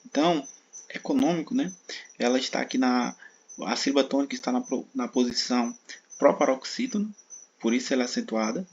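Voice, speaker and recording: Brazilian-accented man, exam-prep teacher, gravelly voice, patient explanations, dull recording with faint crickets. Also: medium pitch, fairly quick, a little mellow, a little hiss or hum. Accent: Brazilian Portuguese. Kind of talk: exam-prep video lesson.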